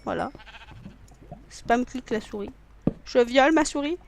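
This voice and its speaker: A man's voice: very high-pitched, measured pace, gravelly, slight background noise. A man giving rambling, joking let's play commentary, punning, swearing casually and talking to himself and his viewers. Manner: swears casually, bursts into loud exclamations. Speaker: gaming video maker.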